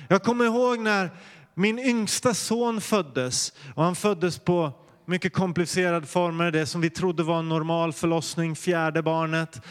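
A middle-aged Swedish man preaching a sermon, telling personal stories with earnest warmth and rising into fervent calls to prayer. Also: a little high, smooth, big-room sound. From Sweden. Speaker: pastor.

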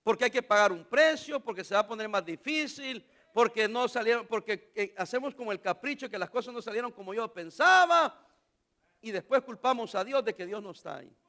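High-voiced, bright preaching man. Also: brisk. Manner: preaching with rhetorical questions to the congregation; animated, acts out quoted voices. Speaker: pastor. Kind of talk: sermon.

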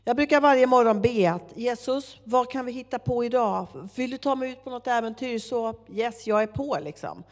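A woman preaching a sermon, telling a story with lively acted-out dialogue. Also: a little high, hardly any pauses. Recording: long hall reverb.

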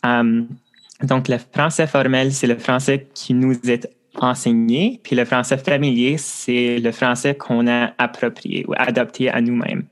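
Flat-voiced man mixing English. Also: medium pitch, a little slow. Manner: relaxed, mixes in English words. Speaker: podcast co-host guest. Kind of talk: casual interview chat.

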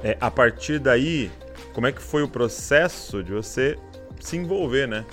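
A man's voice: mid-range voice, measured pace, faint music behind. A Brazilian man hosting an interview, asking questions and reacting with short exclamations. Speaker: interviewer host. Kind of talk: casual interview chat.

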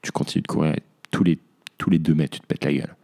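Very deep, gravelly young man reflecting. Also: fairly even intonation, quick pace, warm tone. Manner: introspective, addresses himself as "tu". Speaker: podcast host. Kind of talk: reflective personal monologue.

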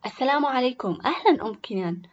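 A woman's voice: sits high, animated, racing, background noise, pitched above the performer's own voice. A woman voicing a worried, stern mother of three girls in a children's audio story, speaking urgently and scolding. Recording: dull lo-fi recording.

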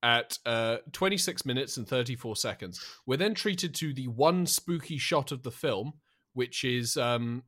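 Bright-voiced dude on a movie podcast, laughs a lot, swears casually. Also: male voice, mid-range voice, expressive, unhurried. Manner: sweary, laughing, acts out quotes. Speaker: podcast co-host. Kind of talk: casual film review chat.

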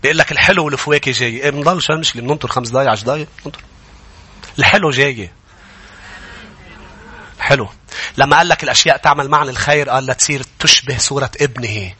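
A Lebanese-accented man preaching a sermon as pastor, swinging from hushed pleading to high, urgent calls. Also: racing, long pauses, breathy edge.

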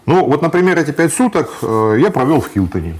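A man's voice: a little high, very animated, fast talker, darkish tone. A man being interviewed, explaining practical travel advice in a matter-of-fact way, with frequent hesitation sounds. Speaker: guest sharing travel experience. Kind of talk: conversational interview.

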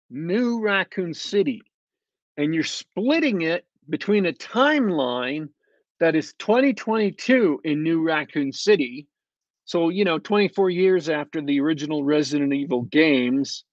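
A man's voice: on the high side, no echo. A man hosting a podcast, giving a casual, sarcastic review that wanders off topic, full of ums and restarts. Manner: sarcastic, digressive, with many fillers and restarts. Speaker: podcast host reviewing a TV show. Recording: slightly dull, dry lo-fi sound.

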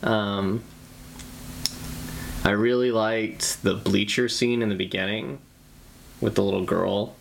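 A man's voice: fairly low pitch, steady tone, takes it slowly, gravelly, pauses often, slight background noise, low-quality recording. A man co-hosting a casual podcast chat, dry and sarcastic. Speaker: podcast co-host.

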